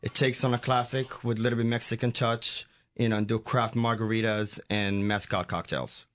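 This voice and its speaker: A man from Morocco, a head mixologist answering interview questions in a halting way, with many fillers and easy laughs. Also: fairly low pitch, steady tone, fairly bright tone. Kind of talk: casual radio interview.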